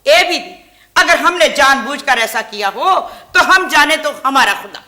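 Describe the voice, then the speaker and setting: A woman's voice: high-pitched, animated, measured pace, pushed and bright, exaggerated voice. An actress playing a quarrelsome, self-pitying widowed grandmother in an old TV sitcom, scolding and complaining dramatically. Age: older.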